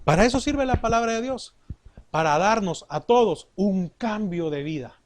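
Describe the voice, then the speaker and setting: A middle-aged man preaching a sermon in a slow, deliberate way, asking the congregation rhetorical questions. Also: high voice, expressive, a little hiss or hum.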